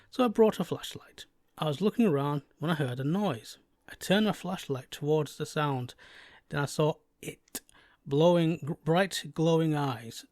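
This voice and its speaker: A man's voice: on the high side, no room sound, clean studio sound. A man reading a scripted first-person horror story as its narrator, now and then stumbling over a word.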